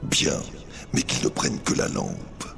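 Huge sand tiger, super deep cavernous growl, gravelly, music in the back. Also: male voice, expressive, slow pace, heavily acted. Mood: stern. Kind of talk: storybook reading.

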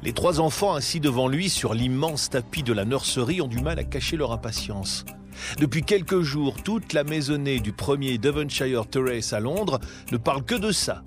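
A man narrating a story in a measured, expressive storytelling voice. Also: medium pitch, soft background music.

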